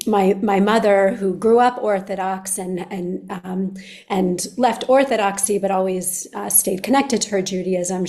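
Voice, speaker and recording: Earnest woman author with halting speech. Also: mid-range voice, a little mellow. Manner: earnest, halting, repeats words. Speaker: guest author, former speechwriter. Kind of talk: interview conversation.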